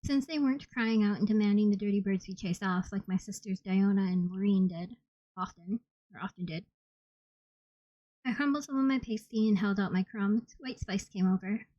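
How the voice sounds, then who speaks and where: A woman reading a novel aloud in the first person, steady and plain. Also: mid-range voice, normal speed, no room sound. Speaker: audiobook reader. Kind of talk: first-person audiobook narration. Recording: slightly dull, dry recording.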